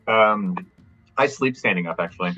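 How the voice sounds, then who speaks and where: A man playing a tabletop game, talking casually and haltingly as he thinks aloud. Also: lowish voice, sharp tone, dull audio, soft background music. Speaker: player.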